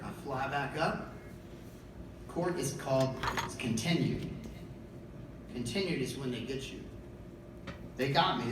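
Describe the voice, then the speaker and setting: A man telling a raw, profane personal story on a concert stage, moving from hushed to shouting. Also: mid-range voice, noisy background. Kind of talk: spoken storytelling between songs. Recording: echoey live venue from far off, loud crowd.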